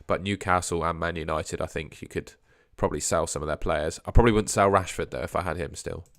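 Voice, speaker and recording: A low-voiced man with a sore throat hosts a fantasy football livestream, answering viewers at a quick pace in casual chat as his voice gives out. He hedges and trails off quietly at phrase ends, and the sound is dry and clean, like a studio.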